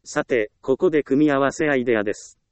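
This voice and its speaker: A man giving scripted self-help narration in a calm, measured reading with frequent short pauses. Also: mid-range voice, clean tone, no echo.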